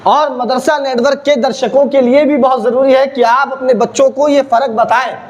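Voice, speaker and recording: A man's voice: very high voice, steady tone, moderate pace, muffled recording. A man teaching a recitation lesson, drilling with repeated questions and answers and exaggerating heavy and thin sounds to show the difference. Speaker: religious teacher.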